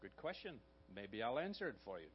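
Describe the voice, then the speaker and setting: A slightly hoarse man delivers a sermon at a mid pitch, easy and conversational, tossing in little asides to his listeners. The recording is dull and lo-fi, with a faint hum running underneath. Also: very animated, brisk. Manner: conversational preaching with frequent "right?" asides. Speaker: pastor.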